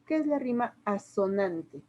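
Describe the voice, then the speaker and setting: Mexican lady teacher going thru poetry terms slow and patient, warm voice, kinda muffled lo-fi sound. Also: medium pitch, animated, a little hiss or hum. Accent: Mexican Spanish. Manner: patient, explains step by step with examples. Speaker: literature teacher. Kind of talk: classroom lesson.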